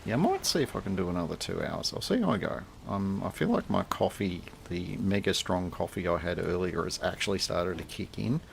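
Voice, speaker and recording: A man's voice: low-pitched, sing-song, fairly quick, gravelly, few pauses, slight background noise. An Australian man giving casual, rambling commentary as he plays a game, thinking aloud and chatting to the animals on screen. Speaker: game streamer.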